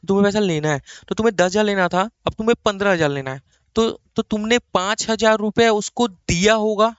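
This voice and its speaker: A man's voice: high-pitched, fairly bright tone, smooth, no echo, muffled recording. A man from India teaching accounting in a classroom-style lecture, coaxing and repeating points for his students.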